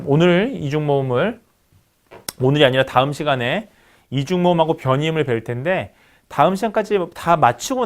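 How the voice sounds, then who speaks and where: Male lecturer, slightly high, lively delivery, asks the class questions and answers them. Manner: instructive, poses questions to students then answers them. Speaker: university lecturer. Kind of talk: online phonetics lecture.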